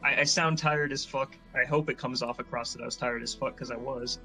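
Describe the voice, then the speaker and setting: A man chatting on a gaming podcast, his voice bright and forceful. He tells long, rambling stories packed with swearing, and his pitch sits in an ordinary middle range. Faint music plays behind him. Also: fairly even intonation, a little fast, low-quality recording. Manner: profane, rambling storyteller. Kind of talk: casual chat.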